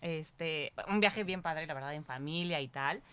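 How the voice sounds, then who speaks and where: A woman in her thirties with a Mexican accent, co-hosting a casual chat and telling a lively story, acting out quotes and swearing casually. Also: deep voice, unhurried, a crowd in the background. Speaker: podcast co-host.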